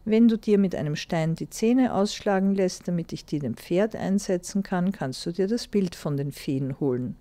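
A woman reading a fairy tale aloud and voicing a mysterious old woman who guards a mountain path, with a calm, teasing manner. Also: on the low side, moderate pace, few pauses, close to an everyday voice.

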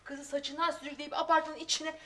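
A middle-aged actress playing a loud, gossipy, cold-hearted working-class mother in a sitcom, exclaiming and scolding, full of folksy sayings. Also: sits high, little pitch movement, brisk, a little hiss or hum. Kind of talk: sitcom acting.

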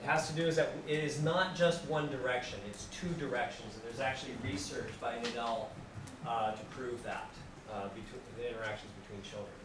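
A man giving a classroom lecture to students, lively and acting out examples as he explains. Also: medium pitch, fairly quick. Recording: very echoey room, distant mic, background noise.

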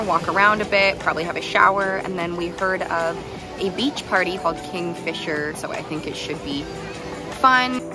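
A young woman from Canada talking casually to her phone camera while traveling, upbeat and chatty, saying "like" often. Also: mid-range voice. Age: young adult. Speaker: travel vlogger. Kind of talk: casual vlog narration. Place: outdoors on beaches and streets, also indoors. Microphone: phone at arm's length.

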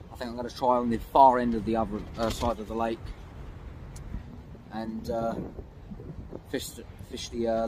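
A man vlogging from a windy lakeside, talking to camera in a chatty, matter-of-fact way as he fishes. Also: mid-range voice. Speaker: angling vlogger. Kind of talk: outdoor fishing vlog narration. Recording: outdoor mic with faint wind noise.

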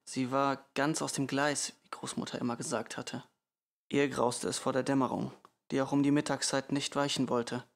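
Gravelly male audiobook reader. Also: mid-range voice, little pitch movement. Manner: subdued, measured storytelling. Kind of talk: audiobook narration.

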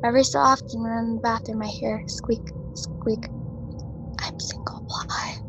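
A woman telling a mock-spooky story in a hushed, dramatic way. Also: on the high side, flat delivery, a little fast, gravelly, very noisy.

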